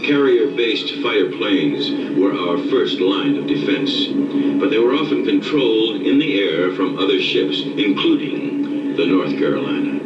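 Very deep male documentary narrator. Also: distant mic. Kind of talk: scripted dramatic narration. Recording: muffled, echoey re-recording of a TV. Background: loud music.

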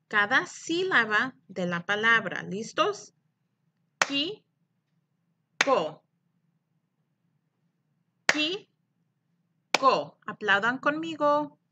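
Middle-aged woman teacher, very slow and deliberate, bright but slightly husky; phonics lesson for small kids. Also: on the high side. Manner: slow and deliberate, clapping out syllables.

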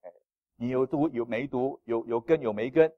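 A male pastor preaching a sermon in an animated, playful way, with self-deprecating humor. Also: medium pitch, moderate pace, dry recording, dull audio.

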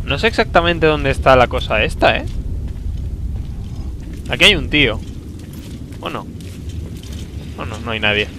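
A man from commentating a video game he is playing, talking to himself, with a sore throat, excitable and prone to loud outbursts. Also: mid-range voice, a little slow, long pauses, background noise. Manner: excitable, talks to himself, bursts into loud exclamations. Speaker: gameplay commentator. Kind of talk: let's play commentary.

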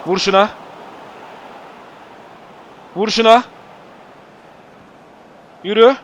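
A man streaming his football video game, shouting at players and the referee and muttering to himself while he changes tactics. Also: high voice, drawn-out words. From Turkey. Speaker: gaming YouTuber. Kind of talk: live gameplay commentary.

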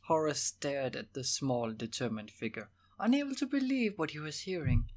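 A man narrating a novel as an audiobook in a steady, measured reading voice. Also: a little high. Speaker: audiobook reader.

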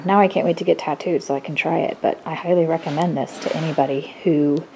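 A woman's voice: mid-range voice, darkish tone, a little hiss or hum, poor audio. A woman in her thirties chatting casually to her phone camera at home, giggly and sometimes dropping to a near-whisper. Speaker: vlogger. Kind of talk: casual vlog chat. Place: indoors at home. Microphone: phone camera held close.

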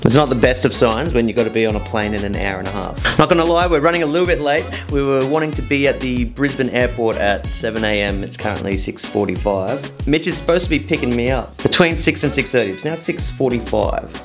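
A man's voice: mid-range voice, fairly quick, few pauses, over music. An Australian man in his thirties in casual, joking, sweary vlog chat, filmed at arm's length. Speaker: vlogger. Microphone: handheld camera at arm's length.

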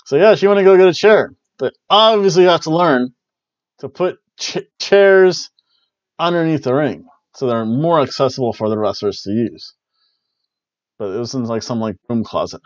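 A man in his forties hosts a casual wrestling review chat from a small home room, loose and jokey with playful exclamations. His mid-range voice moves at normal speed. The headset mic on his webcam call picks up dry, dull, lo-fi sound with no room noise.

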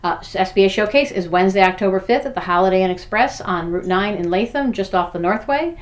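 A woman in her forties promoting a business event to the camera in an upbeat, brisk way, listing the details. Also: medium pitch, animated. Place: in front of backdrop.

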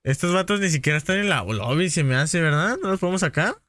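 A man's voice: on the high side, sing-song, a bit bright, dry recording. Mexican man hosting a gaming stream. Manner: chummy, calls viewers "padrino", rapid greetings. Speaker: gaming livestream host. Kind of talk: casual live-stream chat.

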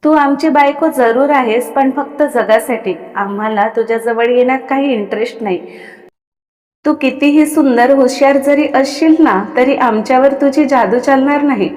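A woman's voice: high-pitched, moderate pace, a little mellow, big-room sound, lightly acted. A woman voicing a smug, mocking young husband who teases his wife. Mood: teasing. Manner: smug, mocking, calls himself "we". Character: teasing arrogant young husband, man.

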